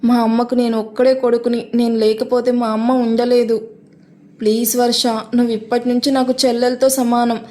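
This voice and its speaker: A man's voice: very high-pitched, little pitch movement, normal speed, warm tone. A woman reading a Telugu audio story, voicing a terrified young man who pleads tearfully for mercy. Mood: pleading.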